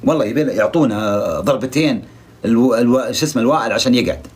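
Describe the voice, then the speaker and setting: A man's voice: mid-range voice, rapid-fire. A young man giving comic, sarcastic commentary on a reality show, scolding and mocking the people in it.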